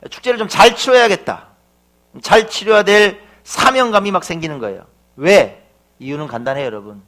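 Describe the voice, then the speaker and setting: A man's voice: high voice, normal speed, a bit bright. A middle-aged male pastor preaching a sermon, telling a story and asking his congregation rhetorical questions.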